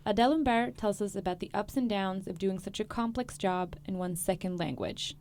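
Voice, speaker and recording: Woman anchor, measured scripted news intros. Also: medium pitch, darkish tone, a little hiss or hum.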